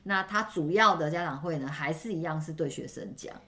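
Woman podcast host, deep voice, quick brisk talk, casual chat, english words mixed in. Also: sharp tone. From Taiwan.

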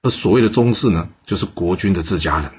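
A man's voice: sits low, fast, a little mellow, slightly rough. A man telling a history story in a chatty way, often putting questions to the listener.

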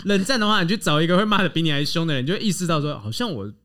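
Taiwanese dude cohosting a podcast, fast and jokey, voice sits a bit high. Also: male voice, animated, fairly bright tone. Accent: Taiwanese Mandarin. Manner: playful, jokey, slips into character voices. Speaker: podcast co-host. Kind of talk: casual chat.

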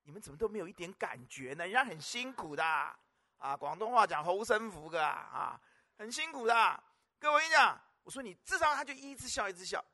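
High, bright-voiced preaching man. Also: very animated, a little fast. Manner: emphatic, with rhetorical questions to the congregation; repeats phrases for emphasis. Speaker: pastor. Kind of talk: sermon.

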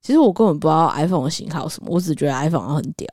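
Podcast co-host, woman, slightly low pitch, animated and quick, dry studio mic. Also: no room sound. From Taiwan. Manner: animated, acts out voices with squeals and exclamations. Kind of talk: casual storytelling chat.

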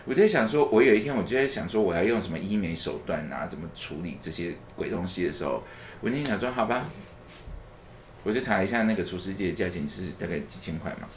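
A man from Taipei with a Taiwanese Mandarin accent chats on a podcast. His voice sits low but swings widely in pitch, and he laughs often. There is a faint hiss of background noise. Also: lively intonation, fast. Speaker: podcast host. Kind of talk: casual chat.

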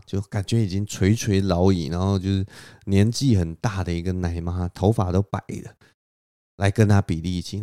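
A man's voice: low-pitched, mellow, smooth, dry recording, studio quality. A man hosting a podcast, retelling a myth in a casual, conversational way with repetitions and spoken sound effects. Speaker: podcast host.

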